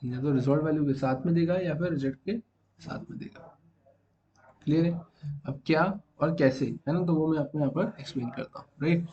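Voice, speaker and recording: A man's voice: a little high, brisk, dark tone, lo-fi sound, slight background noise. Man teaching code, checking students follow. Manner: explains step by step, keeps checking if students follow. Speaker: programming teacher. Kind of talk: classroom coding lecture. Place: classroom with students present.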